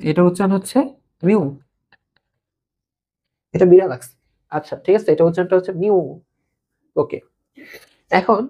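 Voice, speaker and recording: In a recorded video lecture for school students, a woman with a fairly low, mellow voice teaches physics conversationally. She often asks questions to check understanding and repeats key terms for note-taking.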